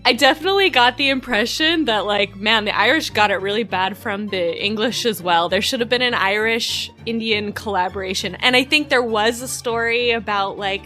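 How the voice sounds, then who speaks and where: A woman's voice: a little high, normal speed, few pauses, sharp tone, faint music behind. A woman co-hosting a podcast, telling stories in a meandering way full of fillers. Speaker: podcast co-host. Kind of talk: casual podcast chat.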